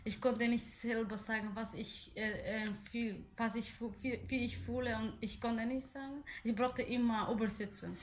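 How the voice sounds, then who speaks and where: Young woman, kinda high voice, lots of ums and restarts, answering questions. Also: steady tone, moderate pace, hardly any pauses, a little hiss or hum. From Somalia. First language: Somali. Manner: hesitant, many fillers and restarts. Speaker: interviewee. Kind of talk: casual interview answers.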